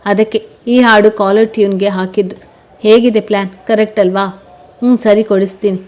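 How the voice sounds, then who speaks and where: A man's voice: sits high, fairly even intonation, moderate pace, darkish tone, lightly acted. A woman voicing a playful young man teasing his fiancée, with an affectionate tone.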